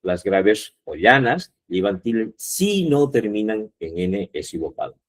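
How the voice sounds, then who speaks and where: A man's voice: fairly low pitch, sing-song, slow. A man teaching a university grammar class, explaining patiently, repeating points and checking the students follow. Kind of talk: online class lecture.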